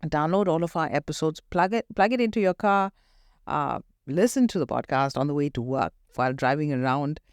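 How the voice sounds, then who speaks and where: A woman with a South African Indian accent, hosting a finance podcast in a conversational, animated way that speaks directly to listeners. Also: sits low, a little fast, clear, resonant tone, no room sound, clean studio sound. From Durban, South Africa. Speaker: podcast host and wealth advisor.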